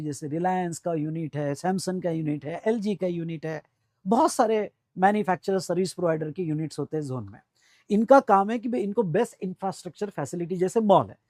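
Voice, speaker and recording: A man with an Indian accent teaching a tax class, drilling key phrases slowly and calling on students to repeat and answer. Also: sits high, lively intonation, dark tone, no echo, studio quality. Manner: addresses students directly, calls for answers. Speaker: tax lecturer. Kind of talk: classroom lecture mixing Hindi and English.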